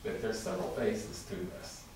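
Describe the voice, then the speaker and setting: A man making a halting public comment to a city council, full of fillers and restarts. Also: darkish tone. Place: large council chamber with tall windows. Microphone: room mic from far off. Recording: echoey chamber recorded from far off with noise.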